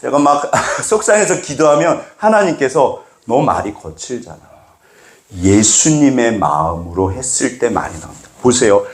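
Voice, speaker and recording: A middle-aged man preaching a sermon as pastor, acting out little dialogues with sudden jumps in pitch. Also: very animated, normal speed, hardly any pauses, reverberant. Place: church sanctuary.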